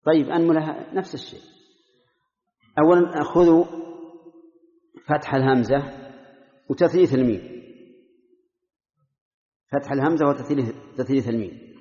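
A man's voice: a little high, normal speed, pauses often, dark tone. An older man teaching a class, drilling pronunciations aloud and quizzing his students by name. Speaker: Islamic scholar teaching a class. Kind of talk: classroom lesson with questions to students. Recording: dull lo-fi recording in an echoey hall.

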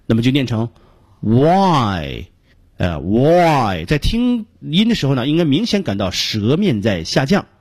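On a radio lesson, a man teaches English pronunciation, patiently explaining each step and slowly repeating sounds to demonstrate them. His voice is mid-range and husky, and the recording is dry.

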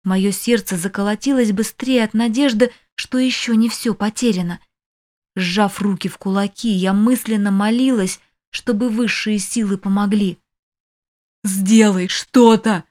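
A woman reads a first-person novel aloud as an audiobook narrator. Her storytelling is emotive and her voice sits at a middling pitch. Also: fairly even intonation, moderate pace, darkish tone.

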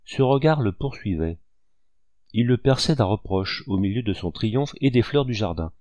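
A man reading an old storybook aloud in a measured, expressive way. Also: lowish voice, no room sound. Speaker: audiobook reader.

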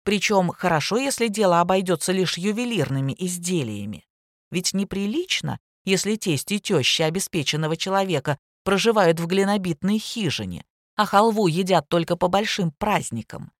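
A woman narrating an audiobook in a steady, expressive reading. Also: fairly low pitch, moderate pace, no echo, studio quality. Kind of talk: scripted narration.

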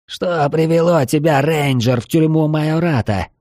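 A man's voice: a little high, moderate pace, a little mellow, no echo, studio quality, pitched above the performer's own voice, natural voice. A man voicing a fierce, proud elderly elf woman held prisoner, hissing and scornful.

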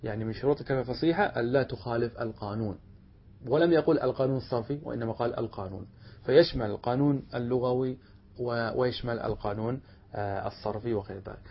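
Brief: male lecturer, husky and fast, dull lo-fi recording, quizzes the class and answers himself. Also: medium pitch. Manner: asks students questions and answers them himself; reads quoted passages slowly and deliberately. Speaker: teacher of Arabic rhetoric. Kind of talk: classroom lesson explaining a text.

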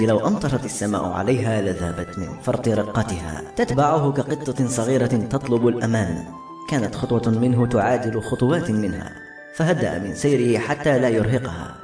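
Fast male novel narrator, echoey room, faint music underneath. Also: mid-range voice. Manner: brisk, steady storytelling. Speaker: audiobook narrator. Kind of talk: scripted narration.

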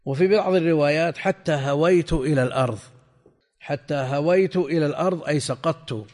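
Older sheikh teaching in an echoing hall. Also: male voice, on the high side, a little mellow. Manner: slow, deliberate spelling out of word forms, repeats phrases; asks students questions. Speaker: sheikh teaching hadith commentary. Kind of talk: classical lesson, reading and explaining texts. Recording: lecture hall with long reverb.

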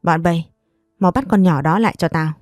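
A cruel, domineering older mother-in-law barks her orders in a harsh, low voice voiced by a woman narrator. The tone stays warm and mellow, and the dry sound has faint music under it. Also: a little fast, no room sound, close to an everyday voice. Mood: threatening. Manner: harsh, bossy.

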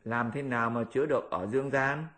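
A man's voice: mid-range voice, brisk, a bit bright, natural voice. A man voicing a gullible, mild-mannered male Buddhist master monk in an audiobook.

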